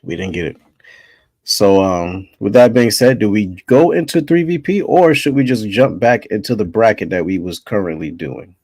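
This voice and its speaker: A man's voice: on the low side, sing-song, normal speed, darkish tone, no room sound. A man hosting a casual wrestling chat with friends, laid-back and rambling, laughing easily. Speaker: host running a wrestling bracket show.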